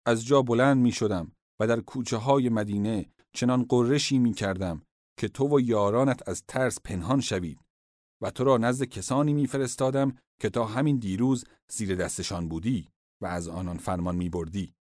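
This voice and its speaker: A man's voice: lowish voice, no room sound, studio quality, lightly acted. A man voicing a defiant sick old chief. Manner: raised, forceful delivery.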